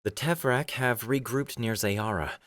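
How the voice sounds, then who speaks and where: A man voicing a sharp, brisk female starship captain in an audiobook story. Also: medium pitch, no echo, pitched above the performer's own voice, natural voice. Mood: tense.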